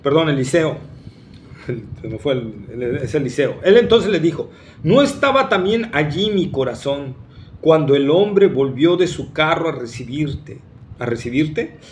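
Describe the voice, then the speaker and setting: A man's voice: a little high, very animated, a little slow, slight background noise. A man preaching a sermon, emphatic and full of rhetorical questions to the congregation.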